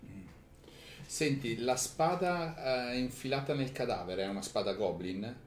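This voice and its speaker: A man's voice: medium pitch, unhurried. A man playing a tabletop game, chatting casually and thinking aloud hesitantly. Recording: roomy echo, clear background noise.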